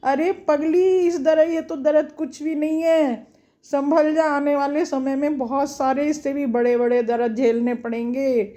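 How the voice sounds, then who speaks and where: A woman voicing a caring older mother who scolds her daughter fondly, in a brisk, reassuring, lecturing manner. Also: high-pitched, little pitch movement, dark tone. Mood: tender. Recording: dull lo-fi recording.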